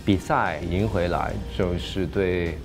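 A man's voice: sits low, slow pace, over music. A man speaking in a seated indoor interview to camera.

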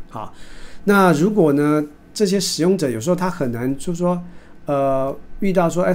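A man's voice: medium pitch, a little mellow. Man lecturing in Taiwanese Mandarin, lots of fillers. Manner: halting, many fillers and repeated words; mixes English terms into speech. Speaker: university lecturer. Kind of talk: recorded online course lecture.

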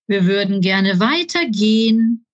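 A woman's voice: medium pitch, expressive, slow pace, highs cut off. A woman reading aloud, voicing an impatient, know-it-all male kobold who scolds and mocks in a storybook. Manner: scolding, mocking.

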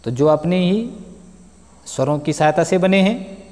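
A male school teacher going through a grammar lesson for his students, slowly drawing out each letter and sound as he recites them. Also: fairly high pitch, animated, mellow, big-room sound.

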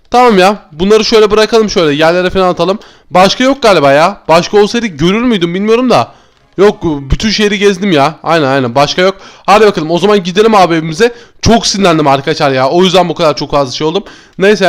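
Fast, excitable gaming YouTuber man. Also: sits high. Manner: excitable, chatty, talks to viewers as friends. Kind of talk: Minecraft gameplay commentary.

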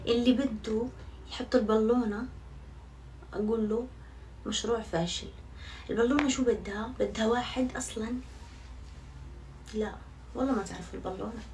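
A woman's voice: a little high, fairly even intonation, brisk, pauses often, darkish tone. A young woman chatting casually to her viewers, self-mocking and swearing oaths often. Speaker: vlogger. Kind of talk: casual vlog chat to viewers. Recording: somewhat far from mic, faint background noise.

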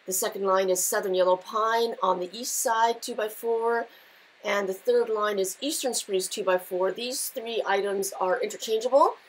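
A middle-aged woman with a growly, gravelly voice, giving unscripted market commentary in an explanatory, halting way with pauses. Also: mid-range voice, low-quality recording. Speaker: market analyst and host. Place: indoors, seated before a patterned backdrop.

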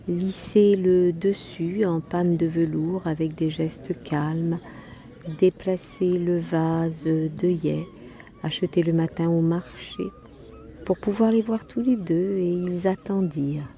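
Lowish mellow woman reading a novel out loud, slow and calm, bit of faint hiss. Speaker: audiobook reader. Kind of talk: scripted narration of a novel.

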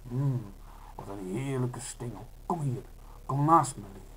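A heavyset middle-aged man speaking in a hushed, whispery, coaxing tone, as a male reader puts him on. The words come slowly and softly, in a prose reading. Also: medium pitch, a little hiss or hum, close to an everyday voice, poor audio.

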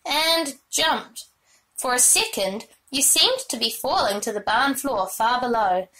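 A woman reading a children's book aloud with expressive storytelling. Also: on the high side, rough recording. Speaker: reader.

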